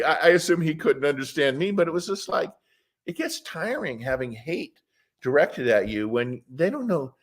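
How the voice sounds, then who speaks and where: A man talking as an interview guest, telling rambling stories in a plainspoken, opinionated way and wandering off the subject. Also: fairly high pitch. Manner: rambling, digressive storytelling. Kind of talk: casual conversational interview.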